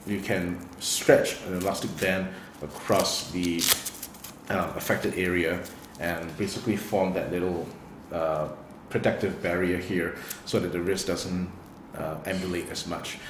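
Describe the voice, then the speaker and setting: A man's voice: sits low, noisy background. A man in his thirties, a worship guitarist, talking casually and earnestly to his viewers with frequent fillers. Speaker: worship guitarist and video host. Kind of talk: casual talk to camera. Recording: echoey room with faint ambience.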